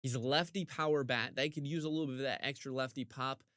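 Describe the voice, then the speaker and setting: Man, podcast co-host, animated ranting, slightly hoarse, dry close sound. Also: fast talker, dry recording. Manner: animated, ranting with big pitch jumps. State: voice getting hoarse. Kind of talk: casual sports talk.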